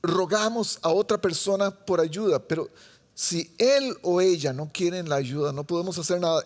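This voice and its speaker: A man with a Costa Rican accent preaching a sermon to a seated congregation, chatty and joking with them. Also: high-pitched. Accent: Costa Rican Spanish. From Costa Rica. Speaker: pastor. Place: church sanctuary before a seated congregation.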